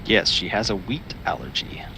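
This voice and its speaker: A man's voice: sits low, animated, normal speed, creaky, noisy background. A man playing a game with a friend, answering in short, dry remarks during casual chat. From United States. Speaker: co-op gaming partner.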